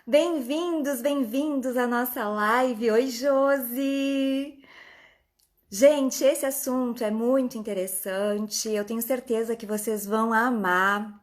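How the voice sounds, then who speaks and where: A woman's voice: fairly high pitch, steady tone, takes it slowly. A woman hosting a casual live stream, greeting viewers by name and chatting.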